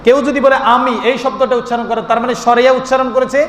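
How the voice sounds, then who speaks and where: High-voiced man preaching in an echoing hall. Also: flat delivery, rapid-fire, fairly bright tone. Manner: rhythmic preaching, repeats phrases, asks the crowd questions; chants and sings the name of God. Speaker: Islamic preacher. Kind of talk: Bengali waz sermon. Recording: echoing amplified sound in a long reverberant space.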